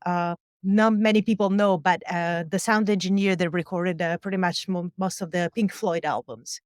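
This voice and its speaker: Recording from a home studio aboard a boat, this European musician and sound engineer gives a chatty interview full of fillers, laughing between thoughts. Her voice is on the low side, steady at a moderate pace, in a dry, clean studio recording.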